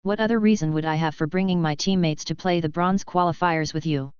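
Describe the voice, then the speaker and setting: A woman's voice: fairly low pitch, steady tone, brisk, darkish tone, clean tone, no room sound, lo-fi sound, natural voice. A woman voicing a cheerful, sincere young male team captain in an audiobook. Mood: friendly. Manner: friendly, sincere, encouraging.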